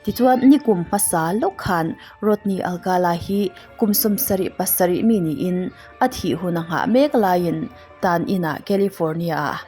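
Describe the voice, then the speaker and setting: A woman's voice: lowish voice, animated, normal speed, dark tone. Woman telling true crime over faint music. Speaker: narrator.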